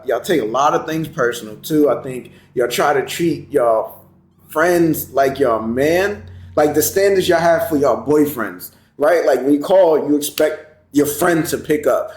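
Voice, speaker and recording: A man co-hosts a podcast in a relaxed, conversational way, telling long stories. His voice sits fairly high for a man. The room around him adds a noticeable echo. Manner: relaxed, conversational, drawn-out storytelling. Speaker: podcast co-host. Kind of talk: casual chat. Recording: roomy echo.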